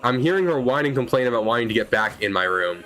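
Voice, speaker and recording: A man's voice: medium pitch, animated, fast talker, pushed and bright. A young man chatting casually while streaming a game, rambling and correcting himself as he talks. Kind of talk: casual gaming stream chat. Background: faint game music.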